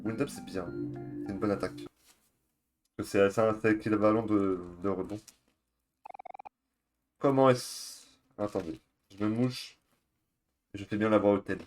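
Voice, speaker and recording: A man giving relaxed, self-mocking commentary while playing a video game. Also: fairly low pitch, unhurried, pauses often, faint music behind. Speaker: let's play streamer. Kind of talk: casual gameplay commentary.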